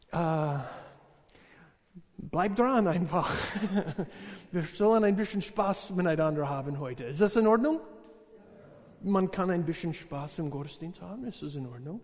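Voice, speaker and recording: Preaching in an acquired language, this middle-aged American missionary has a notably high, lively voice tinged by his English roots. He halts frequently to search for words, says "uh" a lot, and trades warm jokes with the congregation. Each phrase echoes long through the church hall.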